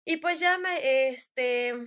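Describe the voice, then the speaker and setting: A woman's voice: sits high, very slow, a bit bright. A young woman with a Mexican Spanish accent, chatting casually and rambling through a story with slangy fillers.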